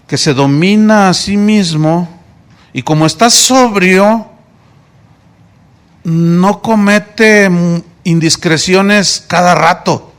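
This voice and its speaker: Mexican male pastor, high voice, preaching and quizzing his congregation. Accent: Mexican Spanish. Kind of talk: sermon.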